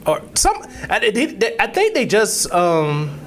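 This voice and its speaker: A man's voice: sits high, huge pitch swings, a little slow, a bit bright. A man co-hosting a casual podcast chat, rambling and often restarting his sentences. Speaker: co-host.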